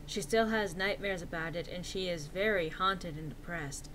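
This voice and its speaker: A woman's voice: lowish voice, moderate pace, a bit bright, a little hiss or hum, poor audio. A woman giving a dramatic reading of fan fiction with the theatrical delivery of a hammy stage actor. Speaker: reader.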